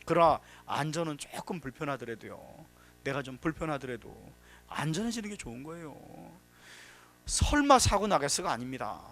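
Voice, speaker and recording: A man's voice: fairly high pitch, sing-song, normal speed, fairly bright tone, faint music behind. A man giving a workshop lecture on safety, telling anecdotes, acting out quotes and giving emphatic warnings. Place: workshop hall.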